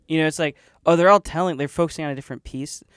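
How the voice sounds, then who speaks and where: Slightly high-voiced laughing man. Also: fairly bright tone, clear, resonant tone, dry recording, studio quality. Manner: laughs often, quick agreeing replies. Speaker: podcast co-host. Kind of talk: casual conversation.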